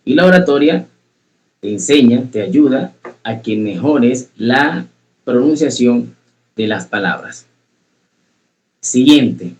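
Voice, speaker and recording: A man's voice: mid-range voice, animated, slow, pauses often, a little mellow, poor audio. Earnest man teaching public speaking. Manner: earnest, repeats key phrases for emphasis; addresses students directly, asks questions. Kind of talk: online class lecture.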